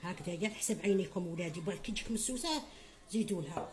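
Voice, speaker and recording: This middle-aged home cook has a lowish voice, lively intonation and a racing pace, plus an Algerian Arabic accent. In her cooking tutorial she's warmly talkative, calls the viewers her children and sprinkles in blessings.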